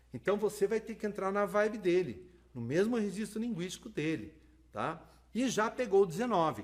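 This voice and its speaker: A man giving a lively live online lecture on interpreting, talking fast and checking in with his listeners. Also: a little high. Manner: lively, talks fast, asks "né?" and "tá?". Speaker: lecturer on sign language interpreting.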